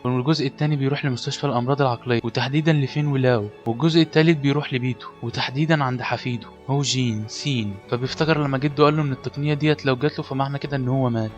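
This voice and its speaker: A man with an Egyptian Arabic accent narrating a story recap in a brisk scripted style. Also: mid-range voice, fairly even intonation. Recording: slightly dull lo-fi audio, faint music.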